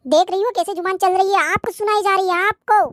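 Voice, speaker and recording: A woman plays a bossy mother-in-law in a cartoon who nags and threatens. Her voice is very high. The sound is dry and close. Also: fairly even intonation, fairly quick, no echo. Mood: scornful. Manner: nagging, threatening.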